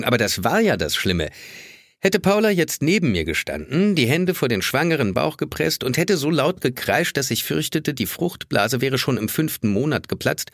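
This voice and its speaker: A man reads an audiobook in a wry, first-person storytelling voice at a middle pitch. His delivery is lively, with wide swings in pitch. The sound is dry and close. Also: no echo. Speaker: audiobook narrator. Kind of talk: scripted narration.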